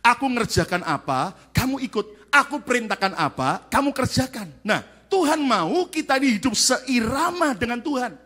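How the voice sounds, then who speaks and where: A male pastor preaches in a high, lively voice, firing questions at his congregation and waiting for their reply. His delivery jumps between loud, shouted peaks and low, quiet asides. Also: moderate pace, hardly any pauses. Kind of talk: sermon. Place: large church sanctuary.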